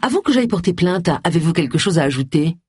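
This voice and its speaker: A reader voicing a sharp, blunt middle-aged woman detective who speaks in a curt, cutting way, in an audiobook. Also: fairly low pitch, big pitch swings, fast, husky, no echo, studio quality, heavily acted.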